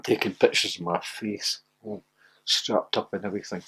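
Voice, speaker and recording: Older ex-footballer, husky, animated anecdotes, laughs a lot. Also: male voice, normal speed. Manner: laughing anecdotal, gets loud and high when excited. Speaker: former footballer interviewee. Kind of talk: animated storytelling.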